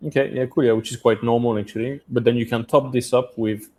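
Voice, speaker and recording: A man with a French accent hosts a webinar from a hotel room over a video call, speaking haltingly with many restarts and uh's. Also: medium pitch, steady tone, a little mellow. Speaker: host of an investor community webinar. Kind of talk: hosting a webinar Q&A.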